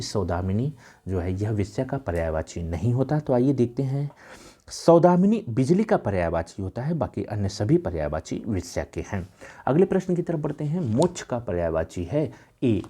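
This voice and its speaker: A man's voice: mid-range voice, moderate pace, breathy edge. A man tutoring for a Hindi exam, reading out quiz questions and options, then explaining each answer. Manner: lively, patterned quiz reading with stressed option letters.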